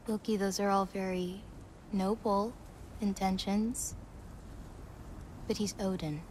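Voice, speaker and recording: A woman's voice: medium pitch, flat delivery, takes it slowly, darkish tone, a little hiss or hum, close to an everyday voice. An actress voicing a wry, confident teenage girl who talks in a teasing, playful way in a video game cutscene.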